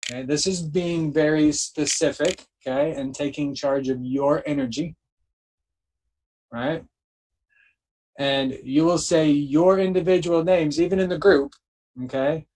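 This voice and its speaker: A man's voice: fairly high pitch, fairly even intonation, measured pace, long pauses, darkish tone, low-quality recording. A man leading a spiritual group, instructing listeners and chanting incantations with emphasis, checking in with frequent "okay?".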